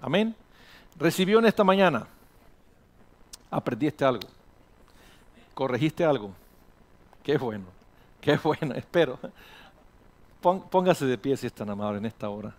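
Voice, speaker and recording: A male pastor preaching a sermon to his congregation in an animated way, dropping in English words now and then. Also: medium pitch, a little slow, pauses often. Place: church sanctuary with congregation.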